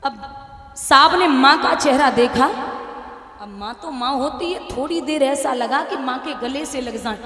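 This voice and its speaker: Bright-voiced woman telling a devotional story. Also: sits high, a little slow, faint music behind. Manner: emotive, addresses listeners as maharaj. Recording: echoey hall reverb.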